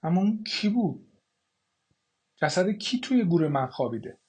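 A man reading an audiobook, voicing a middle-aged mother who is bitter and grieving, in a husky voice. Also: high voice, very animated, darkish tone, voice pushed up, full character voice. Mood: upset.

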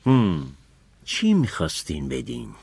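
A man playing a stern, husky lawyer father. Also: a bass voice, wildly swooping pitch, a little mellow, dry recording, heavily acted. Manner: firm, measured, scolding.

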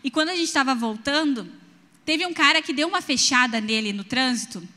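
A young Brazilian woman preaching, telling personal stories in an animated way and speaking straight to the congregation. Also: sits high, brisk, big-room sound. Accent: Brazilian Portuguese. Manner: animated storytelling, addresses the congregation directly.

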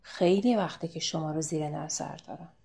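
A man's voice: fairly high pitch, vocal fry, warm tone. A woman reading as a petty bald man. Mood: accusing. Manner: accusing, petty. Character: small bald nagging man at a bar.

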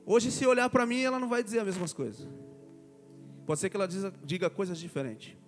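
A man preaches a sermon in a fairly high voice. He swings from loud proclamation to soft, joking asides. The sound rings with long hall reverb over faint music. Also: fast talker.

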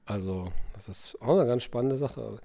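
A man's voice: medium pitch, moderate pace, creaky, warm tone. A man hosting a podcast alone, thinking aloud in a musing way with many hesitations and fillers. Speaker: podcast host. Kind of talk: reflective solo podcast talk.

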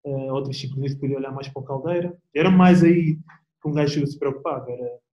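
A man's voice: medium pitch, fast, dull audio. Laid-back European Portuguese man, echoey. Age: young adult. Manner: relaxed, slangy, rambling with restarts. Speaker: guest athlete. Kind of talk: casual interview chat.

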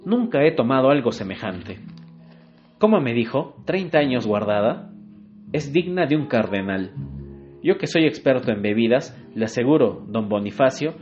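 A man's voice: mid-range voice, very animated, normal speed, darkish tone, faint music behind, lightly acted. A man voicing effusive party guests at a family gathering. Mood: flattering. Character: flattering party guests, adults of both sexes. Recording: dull lo-fi recording.

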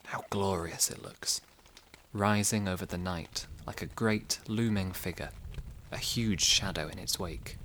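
A man guiding a relaxation exercise and narrating a sleep story in a slow, soft, soothing way. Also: low voice, a little hiss or hum.

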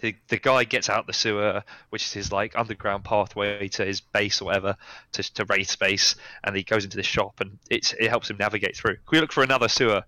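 A man playing in a tabletop role-playing game, thinking aloud and chatting as he plans his next move. His voice sits a bit low but sounds bright and forceful, and it is recorded dry, with no room sound. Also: steady tone, a little fast, few pauses, no echo, poor audio. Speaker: player. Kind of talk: casual tabletop game chat.

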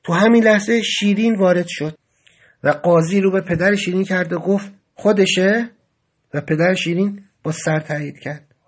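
A man's voice: sits high, breathy edge. A man narrating a first-person dramatic story in a vivid, emotional telling. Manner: dramatic, rising to agitated outbursts in quoted speech.

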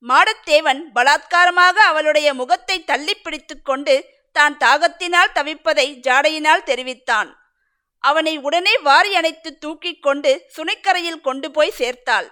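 A woman reading a story aloud in a measured, dramatic narrating manner. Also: sits high, pushed and bright.

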